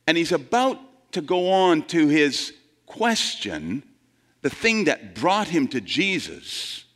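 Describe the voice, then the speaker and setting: A male pastor delivering a sermon with a lively, swooping pitch. He talks conversationally, asks the congregation questions, and plays out the quoted voices with big jumps up and down. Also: takes it slowly.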